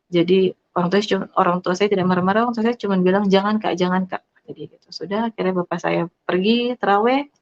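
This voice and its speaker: A woman giving an earnest, halting personal faith testimony, pausing often with fillers. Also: lowish voice. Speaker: testimony speaker. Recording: dull lo-fi sound.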